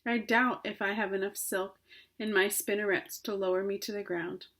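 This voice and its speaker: A woman voicing a wise female spider who speaks in a calm, measured and quietly firm way. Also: medium pitch, natural voice.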